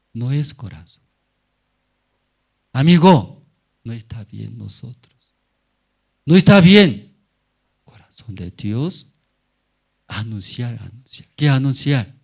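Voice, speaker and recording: A man's voice: lowish voice, creaky, darkish tone, slightly rough. A man preaching a Sunday sermon as pastor, in simple broken phrases full of rhetorical questions and short acted-out lines. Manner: often acts out Bible characters in a raised voice.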